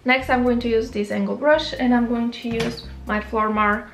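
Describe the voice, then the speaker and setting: Her voice sits on the high side, fairly bright and steady, moving at a moderate pace over soft background music. She's a young adult beauty vlogger with a Portuguese accent, filmed up close in a small bedroom, chatting through a makeup tutorial with rambling tangents and plenty of self-correction.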